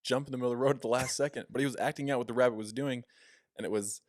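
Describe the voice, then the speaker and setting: A man's voice: medium pitch, steady tone, rapid-fire, no echo, clean studio sound. A young man co-hosting a podcast, talking casually with lots of fillers. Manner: chatty, filler-heavy, demonstrates voice tones. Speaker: podcast co-host.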